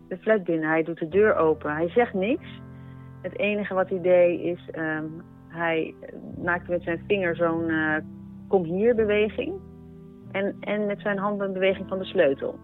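Woman, personal account, halting and reflective, thin radio sound, faint music. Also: lowish voice, phone-quality sound.

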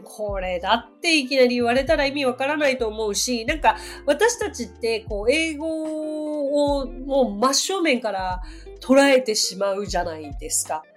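A woman's voice: on the high side, a bit bright. A woman hosting a podcast English lesson, chatty and friendly, with laughs between her explanations.

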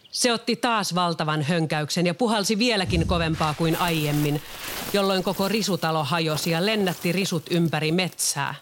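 A narrator reading a children's storybook aloud in a steady, clear manner. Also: medium pitch.

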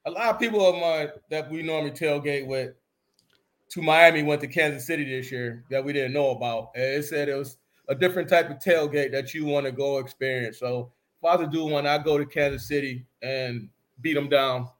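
A man's voice: a little high, fairly quick. A man in his late forties, a guest chef, chatting easily on a podcast and laughing often. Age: 40s. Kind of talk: casual podcast chat.

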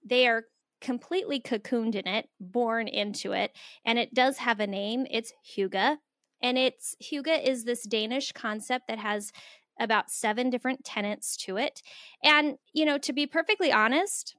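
An earnest American woman from the Southwest, a guest author who exhorts and laughs easily. Her voice is bright and sharp, pitched a little high, and it is recorded dry and close. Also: normal speed, dry recording. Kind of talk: interview conversation.

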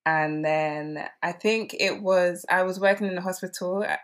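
An English woman with a lowish, fairly even voice talks at a normal speed. She's a podcast guest telling casual stories in a chatty way, dropping "like" throughout.

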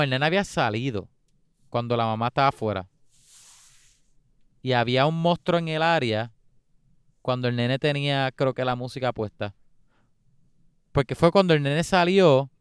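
Clear-voiced man in casual film chat. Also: mid-range voice, no echo, clean studio sound. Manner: relaxed, laughs often, trails off recalling scenes.

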